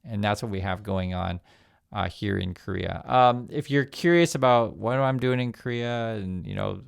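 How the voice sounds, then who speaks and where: A man's voice: on the low side, moderate pace, gravelly, clean tone. A man in his fifties from Vietnam, raised in the USA, talking casually about the news, reading articles aloud and adding his own remarks with many fillers and restarts. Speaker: news commentator. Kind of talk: casual news commentary vlog.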